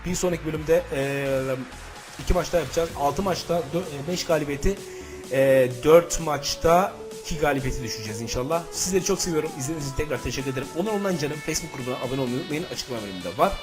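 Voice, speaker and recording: A man hosting a gaming channel, loudly commentating his own football match and swearing at it. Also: a little high, racing, over music. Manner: swears loudly and shouts at the game. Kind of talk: live gameplay commentary.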